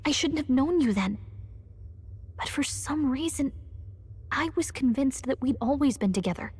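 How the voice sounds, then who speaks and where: An actress playing a small, earnest fairy companion in a fantasy game, hesitant and wondering, with a breathy voice. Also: female voice, high voice, animated, moderate pace, darkish tone. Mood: puzzled, wistful.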